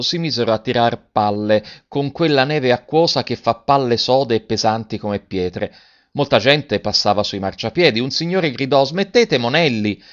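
A man reading a classic story aloud in a measured storytelling manner, lifting his voice for the shouted lines. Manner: measured storytelling, raising pitch and volume for shouted quotes. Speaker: narrator. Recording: dull lo-fi recording.

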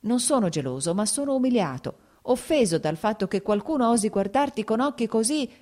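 A woman's voice: medium pitch, lively intonation, normal speed, dark tone, lightly acted. A woman voicing an agitated, jealous young husband in an audiobook, speaking in pleading, broken outbursts. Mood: anguished.

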